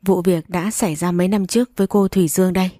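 A woman reading a first-person love story aloud in a slow, measured way. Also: fairly low pitch, steady tone, warm tone, no echo, studio quality. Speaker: narrator.

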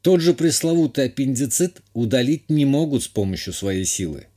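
A man reading a first-person fantasy audiobook in a measured, even way. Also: medium pitch. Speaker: audiobook narrator. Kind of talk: scripted first-person narration.

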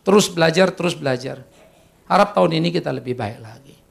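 A middle-aged man, preaching a lively, joking sermon to young people as a pastor. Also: fairly high pitch, quick pace, vocal fry, slightly rough. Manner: lively, joking, acts out quoted voices in Jakarta slang. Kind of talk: sermon to youth.

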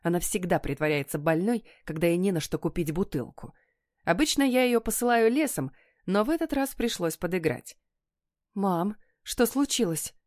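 A woman narrating a first-person audiobook in an emotional, expressive way. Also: fairly low pitch, fairly quick, no room sound, studio quality.

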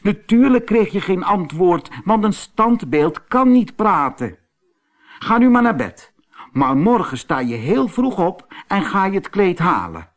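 A man's voice: high voice, big pitch swings, unhurried, pitched above the performer's own voice. Man speelt een mopperende moeder. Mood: exasperated. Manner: exasperated scolding. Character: scolding mother, worried and shrewd.

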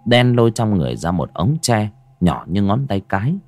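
A man narrating a ghost story in a lively, dramatic storytelling manner. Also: lowish voice, normal speed, dry recording.

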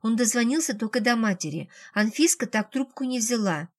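A woman narrating a novel as an audiobook. Her voice sits a little high and she reads in a brisk, plain way. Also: animated.

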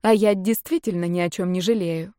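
A young heroine in love, bold and teasing, speaking soft and close, as a female narrator voices her. The sound is dry and intimate, with the reader's own even voice. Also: lowish voice, fairly quick, clear, resonant tone, dry recording, natural voice. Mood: tender.

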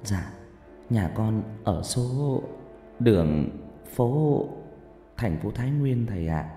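A worn-out older woman, as a male storyteller voices her, timid and polite, her breathy voice weak and hushed. It sits in a roomy, echoing recording with faint music under it. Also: lowish voice, animated, takes it slowly. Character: frail exhausted older woman pleading.

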